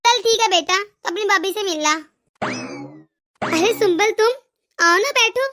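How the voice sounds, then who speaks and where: A woman voicing an older mother in an animated moral story, doting and full of blessings. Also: very high-pitched, unhurried, full character voice. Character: older mother, affectionate to her daughter.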